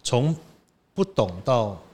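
A man hosting an interview, firing quick follow-up questions and echoing the guest's words. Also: mid-range voice, very animated, a little mellow. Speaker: interview host. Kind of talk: casual interview chat.

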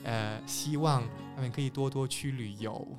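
A man's voice: mid-range voice, normal speed. A man from Peru in a casual podcast chat, speaking Mandarin and hesitantly searching for words. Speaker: podcast panelist. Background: guitar music.

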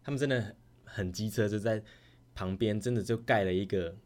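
Lowish Taiwanese-accented man, chatting casually. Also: moderate pace, a little mellow. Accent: Taiwanese Mandarin. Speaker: podcast guest, primary school teacher. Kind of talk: casual travel chat.

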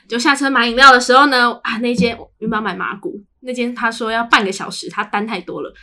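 This is a young woman with a Taiwanese Mandarin accent, bright and forceful, with a fairly high pitch, fairly even intonation and a quick pace. As a podcast co-host in casual chat, she spins chatty stories and performs the dialogue.

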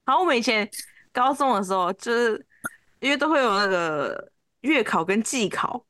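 A woman's voice: fairly high pitch, animated, moderate pace, a bit bright, no echo, clean studio sound. A woman with a Taiwanese Mandarin accent, co-hosting a podcast and recalling school days in a rambling, easygoing chat full of fillers. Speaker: podcast co-host. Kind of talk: casual storytelling chat.

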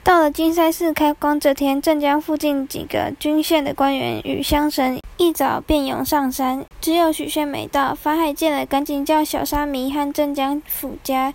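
A woman tells a traditional folk tale with a high voice. Her delivery is measured and deliberate. She takes her time over each line. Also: little pitch movement, a little mellow. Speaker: storyteller.

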